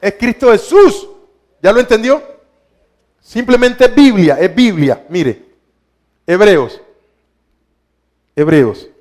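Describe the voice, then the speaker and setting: Slow, high-voiced male preacher. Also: lively intonation, a little mellow. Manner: quizzes the listeners with rhetorical questions, repeats key words. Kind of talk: teaching sermon.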